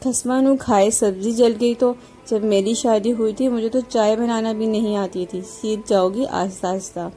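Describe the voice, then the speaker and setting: A woman voicing a kind older mother-in-law who speaks affectionately and scolds gently. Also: fairly high pitch, steady tone, hardly any pauses, lightly acted. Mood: tender.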